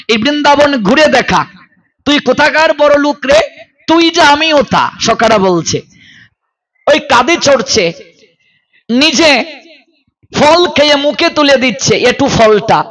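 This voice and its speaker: High-pitched man giving a devotional sermon. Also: rough recording. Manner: expressive storytelling, voicing characters in quoted scenes; asks the listeners rhetorical questions. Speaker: preacher.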